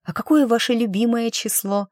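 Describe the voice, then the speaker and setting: A woman's voice: a little high, normal speed, a little mellow, no echo, studio quality, voice pushed up, close to an everyday voice. A woman reading an audiobook voices a bubbly, naive young noblewoman who talks in breathless, girlish exclamations. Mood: gushing.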